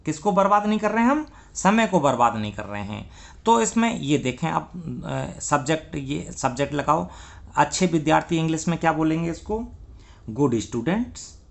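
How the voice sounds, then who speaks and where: Male tutor, gravelly and fairly high; grammar class that asks and answers its own questions. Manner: asks questions and answers them himself, spells words letter by letter. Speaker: English grammar teacher. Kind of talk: classroom lesson.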